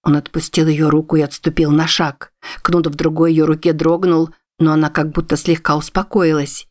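A woman narrating a novel aloud in a steady, measured storytelling manner. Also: low-pitched. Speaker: audiobook narrator.

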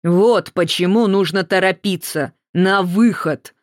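A reader voicing a brutal male camp guard who shouts orders and mocks the prisoners, in an audiobook. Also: mid-range voice, normal speed, dry recording, clean studio sound, lightly acted. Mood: barking. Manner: loud, barking orders, mocking.

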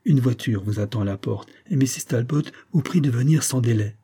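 A man reading the lines of a polite innkeeper in an audiobook, deferential and hurried. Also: mid-range voice, dark tone, husky. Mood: urgent. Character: polite male innkeeper, urgent.

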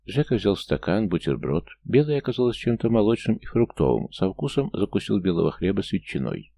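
A man reading a story aloud as audiobook narrator, steady and measured. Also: low voice, gravelly. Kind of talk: scripted narration.

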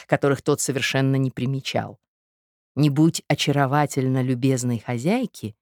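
An audiobook narrator reading a classic novel in a measured, unhurried way, with a mid-range voice. The recording is dry and close-miked, with no room sound. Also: mid-range voice, a little mellow, no room sound.

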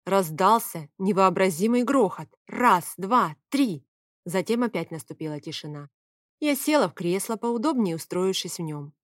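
Woman narrating a lively audiobook. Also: medium pitch, no echo, studio quality. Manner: brisk storytelling that voices the characters. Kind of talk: first-person audiobook narration.

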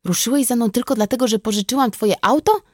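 A woman reading the part of a tough, composed young woman who speaks calmly and bluntly with a dry wit, in an audiobook. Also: lowish voice, normal speed, no room sound, close to an everyday voice. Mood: urgent. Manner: calm, blunt, wry.

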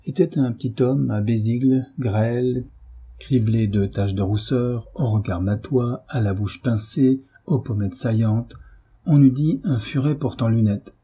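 A man narrating a classic novel as an audiobook in a measured, literary way. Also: mid-range voice, warm tone, breathy edge.

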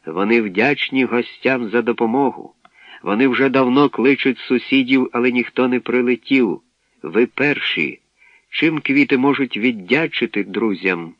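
Чоловік грає спокійного корабельного робота з повільною, розміреною мовою, приглушений сухий звук. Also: male voice, mid-range voice, unhurried, no room sound, lightly acted. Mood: calm. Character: ship's commanding robot, male, calm. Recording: dull, dry lo-fi recording.

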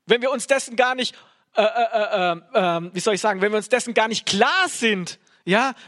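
Man, preacher, high-pitched, conversational sermon, hesitant fillers. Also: normal speed, fairly bright tone. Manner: conversational, frequent "ja?" tag questions and hesitations.

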